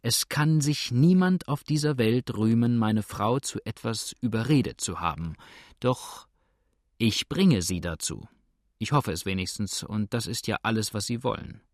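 A man voicing a calm, shrewd innkeeper who speaks in a dry, matter-of-fact way. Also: mid-range voice, unhurried, no room sound, lightly acted. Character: calm, shrewd male innkeeper, dryly indifferent.

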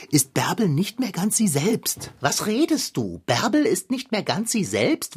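A woman voicing an excitable, scheming young sidekick in a children's radio play. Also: lowish voice, breathy edge, heavily acted. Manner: excitable, conspiratorial.

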